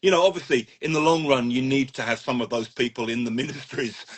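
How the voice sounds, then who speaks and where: A man interviewing in a casual conversational style, halting and reflective as he offers his impressions. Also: mid-range voice, slightly rough.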